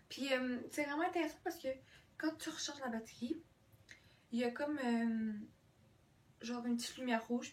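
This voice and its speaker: A woman's voice: fairly high pitch, a little mellow. A woman with a Québécois accent chatting through a casual product demo vlog, full of hesitations and dropped English words. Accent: Québécois French. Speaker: beauty vlogger. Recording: distant mic, faint room noise.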